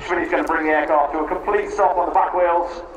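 A man's voice: on the high side, steady tone, brisk, lo-fi sound. A man giving live airshow commentary, explaining the display as he announces it to a crowd. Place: outdoor airfield public address. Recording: echoey distant loudspeaker, loud helicopter noise. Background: helicopter noise outdoors.

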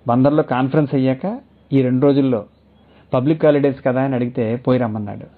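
A man playing a gentle consoling husband. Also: mid-range voice, fairly even intonation, quick pace, natural voice. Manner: soft, consoling. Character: gentle, soothing young husband. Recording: tinny phone-like audio.

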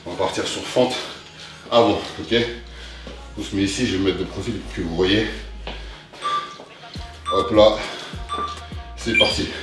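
Speaking a little slowly and pausing often, a young man with a low-pitched voice coaches a workout while exercising, offering short, motivating instructions. He's a fitness coach in an indoor living room. Clear background music comes through a distant mic in a very echoey room.

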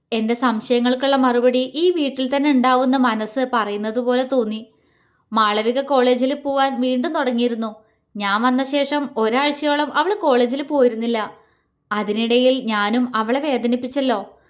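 High-voiced woman narrating a story. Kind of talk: scripted audio story narration.

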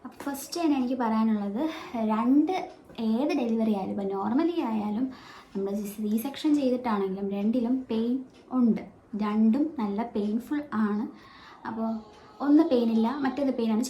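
At home with her baby close by, a vlogger with a Malayali accent shares a personal story, chatty and full of fillers and restarts. Her voice is a little high and warm; a built-in phone or camera mic captures an echoey room with faint background noise.

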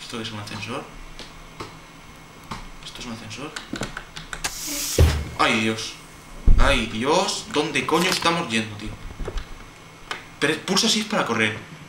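A man's voice: mid-range voice, lively intonation, a little slow, long pauses. Jittery Spanish man gaming in an echoey room. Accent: Spain Spanish. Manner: nervous, jumpy, swears constantly. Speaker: gameplay video host. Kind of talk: horror let's play commentary. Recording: roomy, distant mic, background noise.

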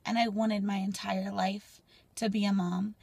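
A woman in her twenties talking candidly to a phone camera in a car, rambling and sometimes dropping to a soft near-whisper. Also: mid-range voice, flat delivery, measured pace, creaky, breathy edge, no room sound. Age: 20s. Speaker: mom vlogger. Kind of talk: casual personal vlog. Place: parked car, indoors. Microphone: phone camera at arm's length.

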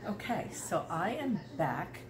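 With a lowish voice, big pitch swings and a slow pace, a woman in her sixties hosts a casual cooking demo at home, chatty and rambling with frequent laughter. A crowd can be heard in the background, and the nearby phone picks up an echoey, noisy kitchen.

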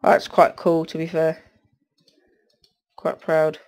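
Speaking slowly in a flat, somewhat high voice with vocal fry and a darkish tone, this stuffy-nosed teen gamer wanders through casual commentary. He keeps interrupting himself and drifting off mid-thought, clearly distracted.

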